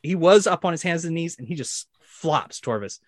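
A man running a tabletop game as dungeon master, narrating the brawl with excited energy and shouted sound effects. His voice sits a little high. The sound is dry and close. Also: moderate pace, no room sound.

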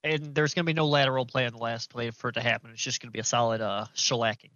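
A man's voice: mid-range voice, fairly even intonation, very fast, fairly bright tone, no echo, dull audio. A man co-hosting a sports podcast, blunt and profane in his ribbing. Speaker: podcast co-host. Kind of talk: casual sports chat.

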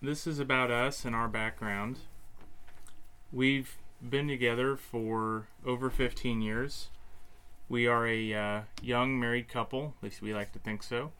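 A man's voice: medium pitch, steady tone, measured pace, clean tone. A man in his thirties co-hosting a podcast with his wife, casual and conversational. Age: 30s. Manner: reads the opening like a loud announcement. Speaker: podcast co-host. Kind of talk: podcast intro and casual chat.

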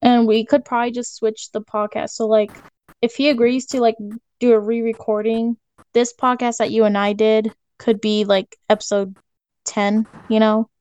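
A woman's voice: a little high, level tone, moderate pace, a little mellow, clear, resonant tone, no echo. A woman podcast co-host talking informally and casually over an online voice call. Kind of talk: casual private chat.

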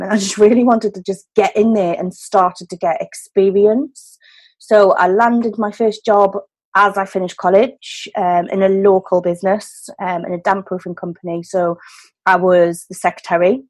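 Husky woman with a Welsh Valleys accent. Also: medium pitch, steady tone, normal speed, a little mellow. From Wales, the valleys. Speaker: podcast guest, business owner. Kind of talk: conversational interview storytelling.

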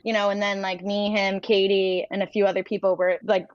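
A young woman talking casually in an interview, chatty and animated, with frequent fillers. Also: medium pitch, a little fast, dry recording. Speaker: interview guest, former sales rep. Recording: dull, dry lo-fi sound.

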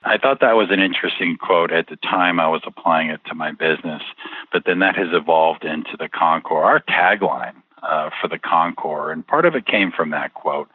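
A man in his fifties from Puerto Rico answers interview questions in an earnest, rambling way. His voice is very low, and it comes through a tinny, phone-like line with a dry, close sound. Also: normal speed, slightly rough, no room sound. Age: 50s. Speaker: interview guest.

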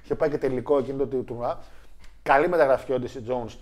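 A young man co-hosting a casual chat, animated and joking, who laughs often and mimics other people. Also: mid-range voice. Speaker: co-host.

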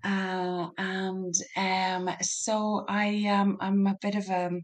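A middle-aged woman with a west of Ireland Donegal accent, chatting casually as an interview guest and often pausing to think aloud. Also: mid-range voice, completely flat delivery. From Donegal, northwest Ireland. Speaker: podcast guest.

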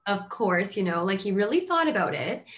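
A woman's voice: mid-range voice, very animated, moderate pace, noisy background. A young adult woman, a child therapist, explaining things in a casual, chatty way with frequent filler words. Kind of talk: casual advice chat.

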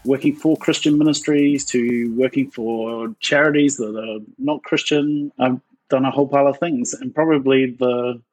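A middle-aged man, talking in a relaxed and rambling way as a podcast guest. His voice has a husky edge, and the recording is close and dry, with no room sound. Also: mid-range voice, normal speed, dry recording, soft background music, low-quality recording. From New Zealand. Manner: outgoing, talkative, rambling. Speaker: podcast guest, ministry worker. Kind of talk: casual interview chat.

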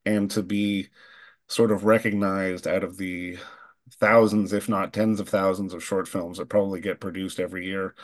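A man hosting an interview, asking long, rambling questions with enthusiasm. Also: low-pitched. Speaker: podcast host.

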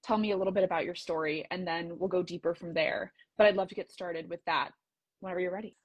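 A woman's voice: fairly low pitch, fairly even intonation, fast, breathy edge, no echo, poor audio. A woman hosting a casual interview, upbeat and encouraging as she asks questions. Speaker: podcast host.

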